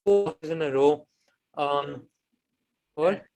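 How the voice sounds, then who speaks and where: A man co-hosting a relaxed sports chat over a video call, his voice sitting a little high for a man. His audio glitches and breaks up as the connection drops, with hesitant fillers between words. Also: drawn-out words, vocal fry, music in the background. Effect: glitching, breaking-up internet call audio. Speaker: co-host. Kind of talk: casual cricket chat.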